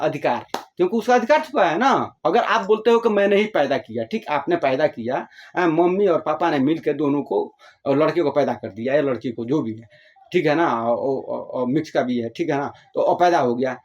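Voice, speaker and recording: A man with a slightly high voice talks about spiritual ideas in a loose, chatty way. He keeps repeating phrases and acts out small scenes from family life. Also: expressive, brisk, highs cut off. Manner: repetitive, explains with homely examples, acts out little dialogues. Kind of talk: casual spiritual talk.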